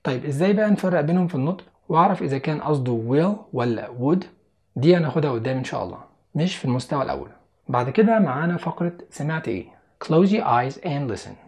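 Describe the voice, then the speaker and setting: A man's voice: on the high side, expressive, very fast, a little mellow. Egyptian man teaching an online lesson. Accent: Egyptian Arabic. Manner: explains step by step, speaking straight to the viewer. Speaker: English teacher.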